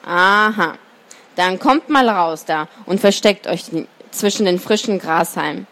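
A woman's voice: fairly low pitch, measured pace, fairly bright tone. A woman voicing a bold young boy hero who questions the animals in a storybook reading.

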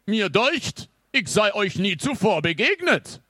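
A man's voice: sits high, sing-song, slow pace, sharp tone, no echo, studio quality, voice pushed up, full character voice. A man voicing a centuries-old knight mummy who speaks in stately, archaic phrasing. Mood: bewildered.

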